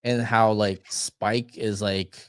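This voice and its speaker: A young man talks in a casual, meandering way, checking in with "right?" as he goes. His voice sits on the low side. The sound is dry and close to the mic, with no room echo. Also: level tone, slow, clean tone. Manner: rambling, tags lines with "right?" and swears casually. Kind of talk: casual podcast chat.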